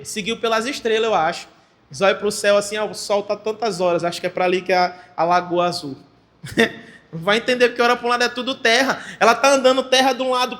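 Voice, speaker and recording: A male pastor with a Maranhão accent preaches fervently in a very high voice. His tone is bright and ringing, and he often bursts into shouted praise. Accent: Maranhão Portuguese. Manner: fervent, breaks into shouted exclamations. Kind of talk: fervent sermon. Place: church.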